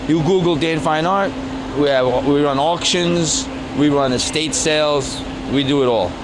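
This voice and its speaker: A man's voice: on the high side, measured pace, noisy background. A man being interviewed casually at an art fair, blunt and joking, often repeating his phrases.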